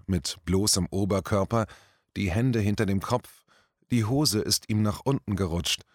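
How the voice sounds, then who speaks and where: Low-ish guy reading an opinion piece, slow and deliberate, dry close mic. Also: dry recording. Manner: measured, deliberate. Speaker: commentary reader. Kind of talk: scripted commentary reading.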